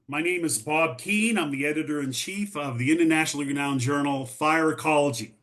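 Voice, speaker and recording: Man, podcast host, upbeat, welcoming, crisp bright tone. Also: mid-range voice. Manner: upbeat, welcoming, slows for emphasis. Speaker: podcast host and journal editor. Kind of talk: conversational interview hosting.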